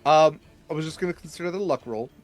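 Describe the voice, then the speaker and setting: A man running a tabletop game as game master, improvising narration in a halting, conversational way. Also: fairly high pitch, no echo, soft background music.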